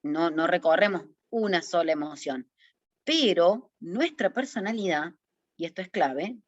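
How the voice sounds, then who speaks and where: Lively Córdoba-accented woman teaching online. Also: fairly low pitch, a little slow. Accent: Córdoba Argentine Spanish. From Córdoba, Argentina. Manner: lively, direct, addresses audience informally with questions. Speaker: public speaking trainer. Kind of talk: online webinar lesson. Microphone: video call. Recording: dull, dry webinar audio.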